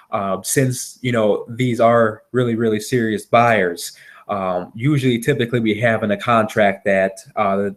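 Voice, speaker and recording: A man with a fairly low voice and a Midwestern accent from Wisconsin makes a conversational sales pitch. He is agreeable and halting, often repeating words as he explains. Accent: American Upper Midwest. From Wisconsin, United States. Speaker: real estate seller pitching to a homeowner. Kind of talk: conversational phone sales call.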